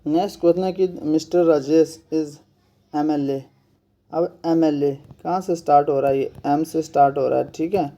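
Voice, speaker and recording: Guy teaching grammar for an exam, very mellow dark tone, a bit higher pitch, asks and answers his own questions. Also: fairly even intonation. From India. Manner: repeats each point slowly. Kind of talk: exam-prep grammar lesson.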